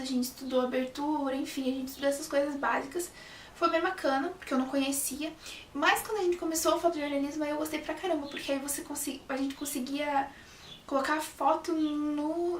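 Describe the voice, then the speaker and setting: A young woman, a journalism student, chats casually to camera in a high voice, often restarting her sentences and saying "sabe?" a lot. A bit of hiss or hum, a roomy echo, and a slightly distant mic come through in the recording.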